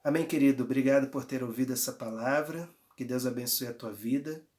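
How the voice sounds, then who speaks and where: A man's voice: mid-range voice, a little mellow. A man preaching a sermon and leading prayer, stretching words out for emphasis and often calling out hallelujahs. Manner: fervent, drawn-out emphasis with frequent hallelujahs. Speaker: pastor.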